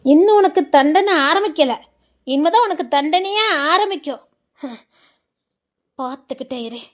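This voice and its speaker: Woman acting a bitter cursing village lady, tirunelveli accent, very high voice. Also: expressive, moderate pace. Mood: vengeful. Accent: Tirunelveli Tamil. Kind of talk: dramatic serial acting.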